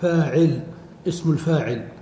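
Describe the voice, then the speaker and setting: A middle-aged man teaching Arabic word forms in a classroom lecture, quizzing his students and repeating each form slowly. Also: a little high, dark tone. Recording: echoey hall recording, faint background noise.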